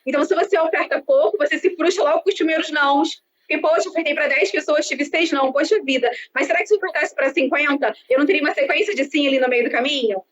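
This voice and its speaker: A high-pitched woman in her thirties with a Brazilian Portuguese accent talks in an expansive, outgoing way, giving sales advice as a guest on a live stream. Her voice comes through a video-call mic, sounding dull and lo-fi with a faint hiss behind it. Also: fast talker. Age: 30s. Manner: expansive, lively, self-described outgoing talker. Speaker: sales and marketing consultant. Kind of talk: conversational interview on a live stream.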